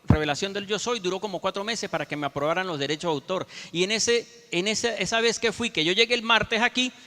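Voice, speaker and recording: Speaking quickly, a male pastor preaches a sermon built around stories, addressing the congregation as brothers. The voice sits high, bright and forceful, echoing in a long hall reverb.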